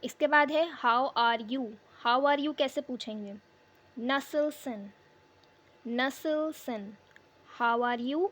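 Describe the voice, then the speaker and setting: A young woman teaching a beginner language lesson, repeating each phrase slowly for pronunciation practice. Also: high-pitched, fairly bright tone. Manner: slow, repeated pronunciation drills.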